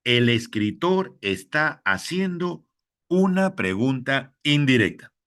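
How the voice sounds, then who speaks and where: A man's voice: mid-range voice, big pitch swings, slow pace, fairly bright tone. A man with a Peruvian Spanish accent teaching a lesson, addressing fellow teachers and repeating each key point.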